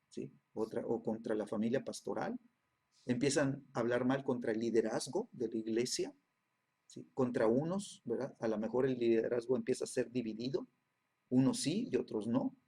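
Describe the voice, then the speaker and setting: In a Bible class, a man with a medium-pitched, husky voice and a dark tone keeps repeating phrases. Nearly every line ends with a check-in to his listeners, a constant "¿sí?" or "¿verdad?"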